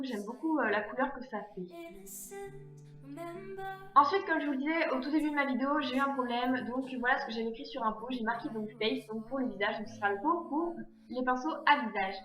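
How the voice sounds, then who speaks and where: Woman, fairly high voice, halting craft voice-over, echoey room, guitar music underneath. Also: a bit bright. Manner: hesitant, full of fillers and self-corrections. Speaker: DIY craft vlogger. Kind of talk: DIY tutorial voice-over.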